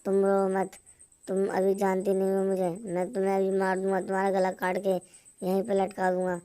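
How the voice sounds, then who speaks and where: एक महिला कार्टून कहानी में एक बूढ़े, डींग मारने वाले और धमकाने वाले जंगल के चोर की आवाज़ सपाट कथा-वाचन अंदाज़ में पढ़ रही है।. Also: female voice, medium pitch, normal speed, smooth, close to an everyday voice. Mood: threatening. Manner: monotone storybook reading. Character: old male forest thief, boastful and threatening.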